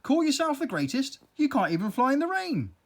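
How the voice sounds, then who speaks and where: Brief: grumpy insect in a children's story, high, pinched and scoffing, put on by the reader. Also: sing-song, a little fast. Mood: scornful. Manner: snaps and scoffs in a raised, pinched voice. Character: grumpy, snappy male earwig. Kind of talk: storybook character voice.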